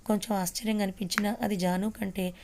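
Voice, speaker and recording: A woman narrating an audio story in a steady reading voice. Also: mid-range voice, quick pace.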